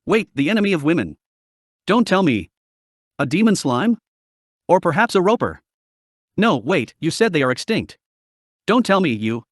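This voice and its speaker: A man voicing a proud, eager young female knight in an audiobook reading, his voice turning shrill with excitement. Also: normal speed, dry recording, clean studio sound. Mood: excited. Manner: excitable, rising to a shrill pitch.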